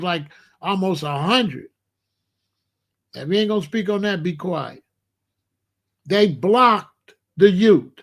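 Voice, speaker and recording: His voice sits high as this live commentary host rants unscripted to his chat. He comes across blunt, repetitive and confrontational, calling out one chatter.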